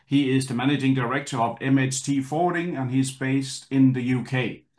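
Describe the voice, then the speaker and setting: A man hosts an interview in a conversational style. His voice has a medium pitch. He speaks haltingly, repeating words while he shapes each thought. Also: fairly even intonation, darkish tone, reverberant. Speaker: interviewer, host. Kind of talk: conversational online interview hosting.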